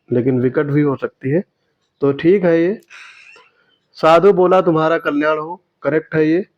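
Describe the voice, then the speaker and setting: Man explaining exam answers, lo-fi. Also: mid-range voice. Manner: explanatory, repeats words slowly to correct them. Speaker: teacher.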